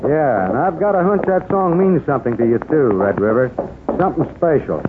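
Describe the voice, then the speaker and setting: A man's voice: a little high, lively intonation, a little fast, natural voice. Man playing an earnest cowboy avenger, tinny old radio. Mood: sympathetic, confiding. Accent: American. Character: earnest vengeful cowboy on the trail. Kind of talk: 1930s radio western acting. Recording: tinny old radio recording, faint noise.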